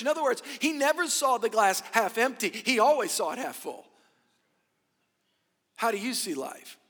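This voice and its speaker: A man preaching at a pulpit microphone, his voice high for a man and driving hard. He pushes every point with rhetorical questions and has the congregation repeat phrases back. His words ring out with a long reverb through a big church hall. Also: pushed and bright. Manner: emphatic, rhetorical questions, call-and-response with congregation. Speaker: pastor. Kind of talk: sermon.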